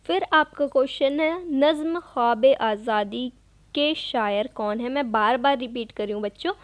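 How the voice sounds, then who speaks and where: High-voiced woman teacher revising questions. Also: moderate pace. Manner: explains patiently, repeats answers. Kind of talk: exam revision lesson.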